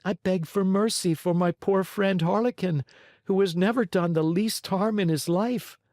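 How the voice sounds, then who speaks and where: A man's voice: normal speed, darkish tone, no room sound, clean studio sound, close to an everyday voice. A man doing Pinocchio, a piercing little puppet boy. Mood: pleading. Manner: high, piercing and pleading. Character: pleading little wooden boy puppet, brave.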